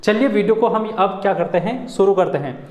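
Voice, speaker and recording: A man's voice: high-pitched, brisk, a little mellow. A man teaching an exam-prep class in a chatty, casual way, often calling his students friends. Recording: echoey room with long reverb.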